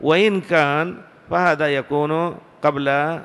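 Man, hadith teacher, smooth resonant voice, long hall reverb, slow deliberate reading. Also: on the high side, fairly even intonation, a bit bright. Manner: slow, deliberate reading with pauses to correct wording. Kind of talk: classical hadith lesson commentary.

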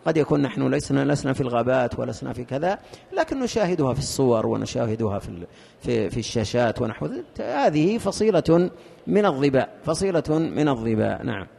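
A man explaining a legal text in a lesson, with a halting manner, repeating words as he searches for terms. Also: medium pitch, big pitch swings, gravelly, warm tone. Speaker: teacher explaining a fiqh text. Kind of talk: lesson commentary. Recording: long reverb of a hall.

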